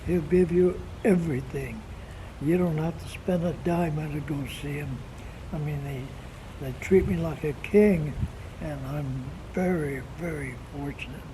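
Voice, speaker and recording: Very old man, American accent, unhurried halting speech, slightly high voice, casual reminiscing, noisy ambient recording. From Montana, United States. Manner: halting, slow, repeats words while searching for them. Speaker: grandfather being interviewed. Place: outdoors in the sun.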